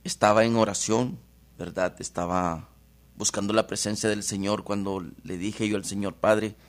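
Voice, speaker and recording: A man's voice: lowish voice, level tone, normal speed. A man from Honduras, an evangelist preacher speaking devoutly and measuredly as a radio guest. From El Progreso, Honduras. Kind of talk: radio interview.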